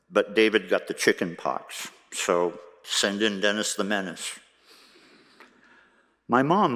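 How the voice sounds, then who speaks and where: Man, sixties, worship associate, gentle reflective church talk, wry humor, long sanctuary reverb. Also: lowish voice. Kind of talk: personal reflection at a church service.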